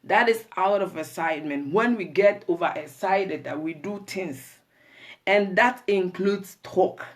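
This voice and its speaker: A woman's voice: fairly low pitch, unhurried. Chatty Ghanaian woman hosting a live show. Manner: chatty, greets viewers by name, mixes in Twi; preachy advice to women. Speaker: talk show host. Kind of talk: live show chat with viewers.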